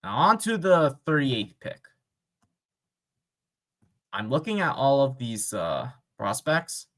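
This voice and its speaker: A man hosting a sports fan vlog, thinking aloud in casual, unscripted commentary with pauses and fillers. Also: medium pitch, big pitch swings, a bit bright. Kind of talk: casual mock draft commentary.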